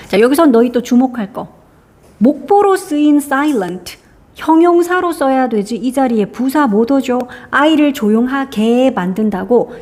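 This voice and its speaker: A woman's voice: a little high, a little mellow. A woman from Korea teaching an English exam passage, asking questions and answering them herself. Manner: explains grammar, asks and answers own questions. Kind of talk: lecture on exam reading passage.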